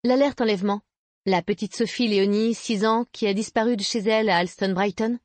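A woman's voice: mid-range voice, steady tone, fairly quick, dry recording, voice pushed up, lightly acted. Lady doing a dry blunt woman detective, clipped questions, storybook read. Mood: pressing. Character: blunt skeptical woman investigator.

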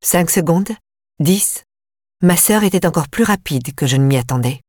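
A woman narrates a thriller audiobook in the first person, steady and measured. Her voice sits low, and the recording is close and dry. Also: no echo.

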